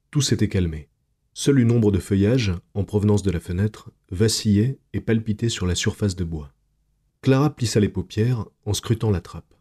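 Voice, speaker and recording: A man narrating a strange short story aloud in a slow, hushed, measured way. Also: lowish voice, slightly rough. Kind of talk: scripted narration of night tales.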